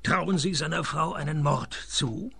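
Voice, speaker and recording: An actor playing a wry, jaded middle-aged private detective in a noir radio play, with a dry, sardonic delivery. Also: male voice, a little high, measured pace, gravelly, sharp tone, breathy edge, no room sound, exaggerated voice. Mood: deadpan, probing. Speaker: narrator and lead detective.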